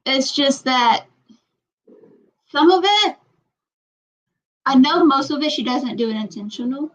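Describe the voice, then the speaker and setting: A woman hosts a casual livestream chat, rambling and repeating herself while reading out viewer comments. Her voice is high-pitched, animated and a little slow, and the recording has a dull lo-fi sound.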